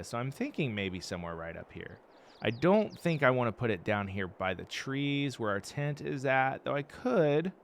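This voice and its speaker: A man with a lowish voice talks through his game in an easygoing, chatty way, musing aloud as he goes. Clear engine and ambient game sounds run underneath his commentary. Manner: relaxed, chatty thinking aloud. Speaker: gaming channel host. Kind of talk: let's-play commentary. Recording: game sounds and vehicle noise behind.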